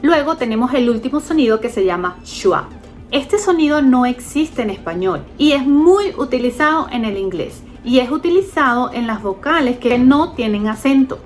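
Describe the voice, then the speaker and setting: A woman giving an online English lesson, explaining step by step and slowly sounding out English example words. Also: high-pitched, animated, soft background music. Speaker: English teacher.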